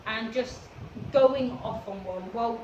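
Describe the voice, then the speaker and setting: A woman telling a casual storytime rant in an animated, dramatic way, acting out what people said. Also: fairly high pitch, unhurried, muffled recording. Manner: animated, dramatic retelling with acted-out quotes. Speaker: storyteller in a two-person story time. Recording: roomy echo, faint background noise.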